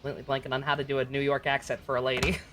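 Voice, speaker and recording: A woman's voice: a bass voice, flat delivery, racing, background noise. A woman streamer chatting and reading game dialogue aloud in a rambling, self-correcting way.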